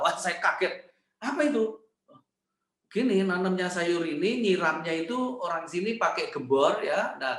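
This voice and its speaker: An older man preaching a sermon as pastor, telling funny stories and acting out the voices of the people in them. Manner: humorous storytelling with acted-out dialogue; animated, jumps high when voicing others. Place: church. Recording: echoey church hall.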